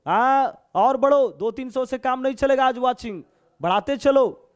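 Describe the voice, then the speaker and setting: High-pitched Bihari Hindi teacher, joking. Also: male voice, a little slow, clear, resonant tone. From Bihar, India. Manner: chatty, joking, coaxing students. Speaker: English teacher. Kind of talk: live online class.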